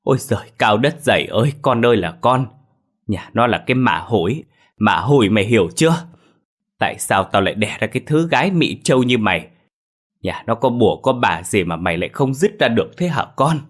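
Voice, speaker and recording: A man voicing a furious, proud old village patriarch who curses and shouts at his daughter. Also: medium pitch, lively intonation, fairly quick, lightly acted. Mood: raging. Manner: shouting, cursing, raging.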